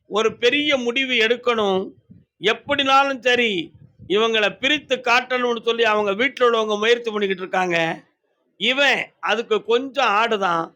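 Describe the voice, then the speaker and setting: A man's voice: very high voice, bright, forceful tone. A man serving as a temple oracle medium, speaking as the deity and giving short commanding blessings and orders to devotees. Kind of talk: trance oracle pronouncements to devotees.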